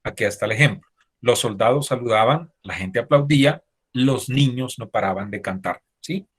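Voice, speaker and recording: A man's voice: medium pitch, normal speed, slightly rough. A man teaching an online class, explaining step by step and checking in with his students after nearly every phrase. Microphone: video call.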